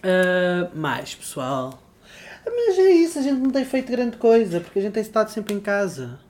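Playful young man, higher voice. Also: huge pitch swings, moderate pace, a little mellow. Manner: slangy, playful. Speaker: podcast co-host. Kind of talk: casual chat.

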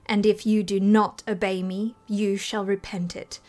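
A woman's voice: medium pitch, flat delivery, a little slow, darkish tone, close to an everyday voice. A woman voicing a greedy, scheming old witch who gives commands and threats, read in an audiobook fairy tale.

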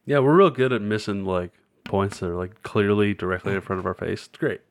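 A man's voice: fairly low pitch, fairly quick. A man co-hosting a casual podcast, talking in an upbeat, chatty way full of fillers. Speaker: podcast co-host.

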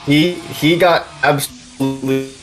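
A man's voice: mid-range voice, fairly even intonation, unhurried, soft background music. A man co-hosting a casual podcast over a remote call, his voice coming through glitchy and robotic from a breaking-up internet connection, talking hesitantly with many fillers. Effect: glitchy robotic-sounding voice from a breaking-up internet call. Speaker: podcast co-host. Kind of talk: casual chat. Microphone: remote video call.

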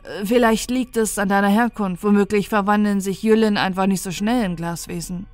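A calm young man, as a woman narrator voices him, speaks gently and reassuringly in a soft, low voice. The recording is dry and close, with faint music beneath. He sounds steady and kind. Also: fairly quick, no echo, close to an everyday voice. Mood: consoling.

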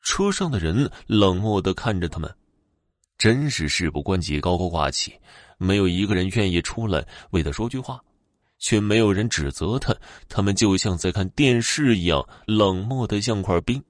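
A man narrating a ghost story with an expressive, dramatic delivery. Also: low voice, dry recording, studio quality.

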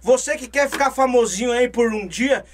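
A man's voice: very high-pitched, normal speed, a little hiss or hum. A man hosting a live podcast, chatting and reading out viewer donations, with lots of repeated filler words. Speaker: podcast host.

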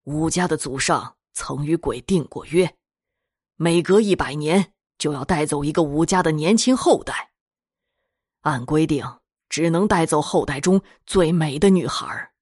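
A woman's voice: low-pitched, darkish tone, breathy edge, no echo, studio quality. Woman reading as a grave old patriarch. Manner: slow and grave. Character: old man, anxious wealthy patriarch.

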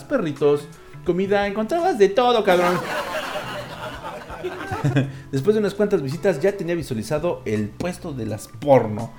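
A man with a Mexican accent hosts a laid-back online show where listeners call in, chatting and reading their messages aloud in crude, joking slang. His voice sits on the higher side and sounds slightly mellow.

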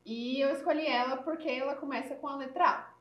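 High-voiced teenage girl, echoey room. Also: fairly quick, lo-fi sound. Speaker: young author, guest. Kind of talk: casual interview answers.

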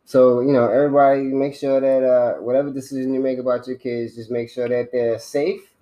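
A man's voice: medium pitch, level tone, brisk, dark tone. A middle-aged man from the Bronx, co-hosting a casual chat in a teasing, joking manner. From the Bronx, New York. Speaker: podcast co-host.

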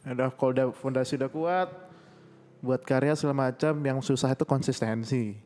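A man's voice: medium pitch, fairly quick, a little mellow. A man, a filmmaker guest, chatting in an easygoing way and laughing often. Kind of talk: casual chat. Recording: long hall reverb.

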